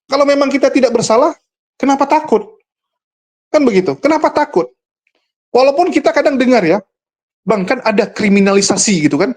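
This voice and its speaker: A man's voice: extremely high pitch, expressive, quick pace, a little mellow. A man who hosts the show and talks in a casual, argumentative monologue, scornful and full of rhetorical questions aimed at his viewers. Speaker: host and religious commentator.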